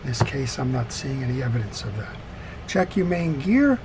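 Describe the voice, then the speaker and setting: This fishing reel repairer speaks in a mid-range voice at a normal speed while he works indoors at a wooden workbench. He walks through the repair methodically in a relaxed, step-by-step demonstration, and steady background noise runs under the recording.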